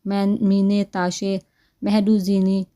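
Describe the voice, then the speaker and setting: Brief: female audiobook narrator, steady expressive delivery, soft tone. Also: mid-range voice. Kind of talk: reading a romance novel aloud.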